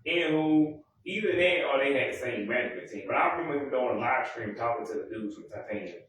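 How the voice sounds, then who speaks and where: A man rambling in a casual monologue, often correcting himself and filling pauses. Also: medium pitch, expressive, a bit bright, slight background noise. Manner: rambling, self-correcting, many fillers. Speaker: music vlogger. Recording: echoey room, mic far off.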